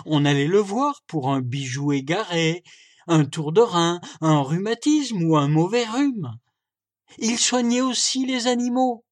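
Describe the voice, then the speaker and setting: A man reads a folk tale aloud for a talking-book library, his pitch rising and falling freely. He takes his time, with a storyteller's unhurried rhythm. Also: expressive. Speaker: volunteer audiobook reader. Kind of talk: audiobook reading.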